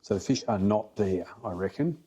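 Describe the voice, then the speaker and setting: Low, mellow Australian man, plain-spoken and blokey. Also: lively intonation, normal speed, slightly rough. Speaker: fly fishing guide, interview guest. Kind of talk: casual podcast storytelling.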